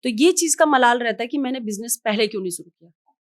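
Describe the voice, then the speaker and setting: An outspoken woman from Haldwani in India talks as a podcast guest, her voice sitting fairly high. She speaks emphatically and hands out firm advice. The sound is dry and close. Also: lively intonation, fast, no room sound. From Haldwani, Uttarakhand, India. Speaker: podcast guest, entrepreneur and influencer. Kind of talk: podcast interview.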